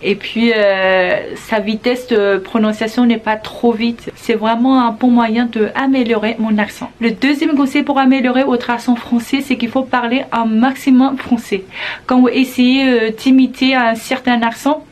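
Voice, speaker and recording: A woman teaching in a calm, encouraging manner, explaining step by step with some hesitant fillers. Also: a little high, measured pace, a little hiss or hum. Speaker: French teacher. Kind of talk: casual video lesson.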